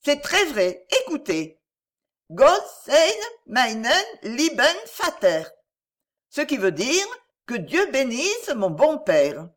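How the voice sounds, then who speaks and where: A woman puts on an eager little boy, high and bright, his lilting voice full of affection. Keep it light and sweet, the way a child speaks in a storybook. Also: wildly swooping pitch, slow, heavily acted.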